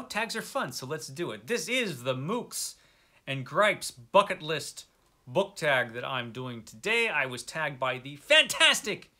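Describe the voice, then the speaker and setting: Talking to viewers in a casual, self-mocking way, a man hosts a video about books for his review channel. His voice runs a little high and sounds pushed and bright.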